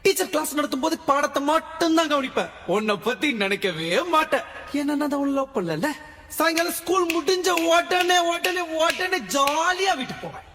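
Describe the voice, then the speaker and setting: High-pitched pouting schoolboy, repetitive, in a long reverberant hall. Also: male voice, sharp tone, heavily acted. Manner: repetitive, petulant, half-laughing. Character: sulky teenage boy in denial of love.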